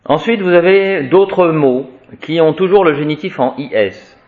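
A man gives a spoken Latin grammar lesson, reciting word endings in a repetitive sing-song and explaining each form. His voice is on the high side and he speaks at a measured pace. The audio has a phone-quality sound.

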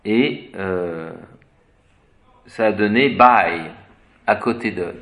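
Man, slow deliberate etymology teacher, spells words letter by letter, halting and musing. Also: lowish voice, fairly bright tone. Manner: hesitant, searches for words with fillers. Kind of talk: unscripted etymology lecture.

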